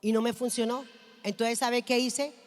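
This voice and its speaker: High-voiced woman pastor preaching. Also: fairly even intonation, normal speed. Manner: storytelling, asks the congregation questions. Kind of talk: sermon. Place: large church hall. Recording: long hall reverb.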